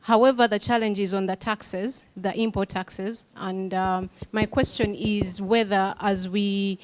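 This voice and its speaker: A woman asking a question from the floor, hesitant with many fillers, then rushing in bursts. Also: mid-range voice, steady tone. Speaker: audience member asking a question.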